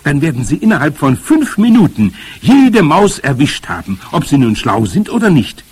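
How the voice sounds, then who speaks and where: Guy putting on a squeaky eager mouse kid voice, high and jumpy, kinda raspy under it. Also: sing-song, normal speed, darkish tone. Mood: earnest. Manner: eager, breathless, high-pitched exclamations. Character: excited young boy turned into a talking mouse. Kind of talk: audiobook character voice.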